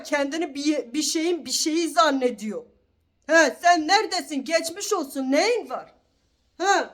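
A woman with a very high voice plays a litigant in an improvised comedy sketch. She talks slowly and bosses everyone around. She scolds them in long, indignant rants. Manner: bossy, combative, scolding.

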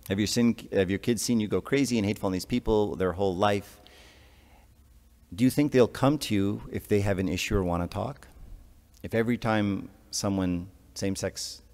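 A man's voice: deep voice, darkish tone. A man, an archdeacon, preaching a conversational sermon to a congregation, often checking in with "right?". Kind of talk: sermon to a parish audience. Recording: long hall reverb.

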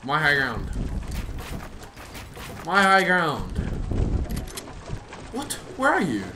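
A young man hosting a gaming video with excited, sweary, exclamatory casual commentary on his play. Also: a little high, very slow, noisy background. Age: young adult. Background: loud music.

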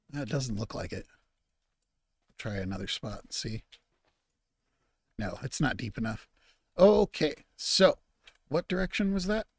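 A man's voice: mid-range voice, gravelly, slightly rough, no room sound. Chill guy rambling thru his game, talks to himself, dry close mic. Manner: mock-outraged scolding at game animals. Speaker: gaming channel host. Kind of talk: relaxed let's-play commentary.

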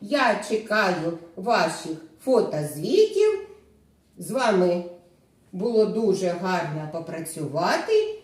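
A woman kindergarten teacher with a Ukrainian accent, giving a recorded literacy lesson and speaking clearly, syllable by syllable, for preschoolers. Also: fairly low pitch, big pitch swings. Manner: slow, clear syllable-by-syllable speech for children. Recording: very echoey room, voice from far off.

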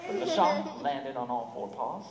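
Lively man telling a folktale live. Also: mid-range voice, moderate pace, a crowd in the background. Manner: animated, coaxes audience to repeat words, drops to whispers. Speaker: storyteller. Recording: echoey hall from far off, noisy.

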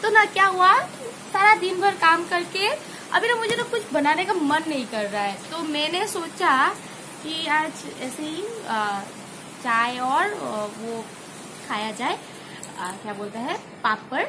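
A woman's voice: high-pitched, expressive, takes it slowly, noisy background. A woman chatting casually as a mother vlogging at home, laughing often with many fillers. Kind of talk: casual home vlog chat. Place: home indoors, rain outside.

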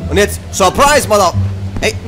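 A man's voice: sits high, lively intonation, normal speed, rough recording. A man in his twenties giving exasperated, sweary gaming commentary full of street slang, close to the microphone in a room at home. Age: 20s. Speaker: let's play gamer. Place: small indoor room at home. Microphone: large microphone close to the mouth, headset. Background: game music and sound.

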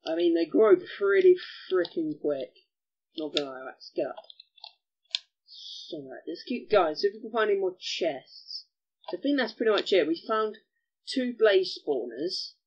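A man giving chatty gameplay commentary as host of a gaming channel, excitable and given to mild cursing. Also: a little high, muffled recording.

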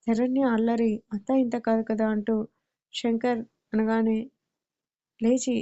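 A woman's voice: on the high side, mellow. A woman narrating a family audio story, reading every character's lines in much the same voice. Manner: reads all characters in her own voice with small shifts. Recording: dull lo-fi recording.

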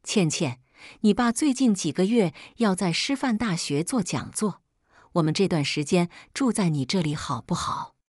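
A woman voicing a calm, shrewd middle-aged mother who speaks firmly and teases slyly. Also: fairly low pitch, normal speed, no echo, studio quality.

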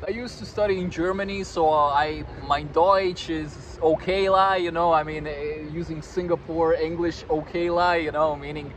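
In a casual conversation at a park table outdoors in the sun, a Croatian guest in his thirties talks with lots of fillers and self-deprecating remarks. His fairly high voice is steady and fairly bright, moving at normal speed with few pauses. Outdoor traffic noise runs underneath.

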